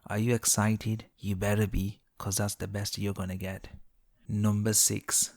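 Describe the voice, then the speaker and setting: Brief: male voice-over for a list video, deep and flat, dry sarcastic delivery. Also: unhurried, creaky. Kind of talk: scripted voice-over narration.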